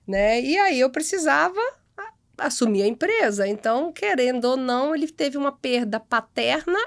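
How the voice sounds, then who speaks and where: A woman's voice: high-pitched, lively intonation, moderate pace, vocal fry. A woman company director talking in a podcast interview, earnest and full of restarts, often checking in with "né?" and "entendeu?". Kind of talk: casual interview chat.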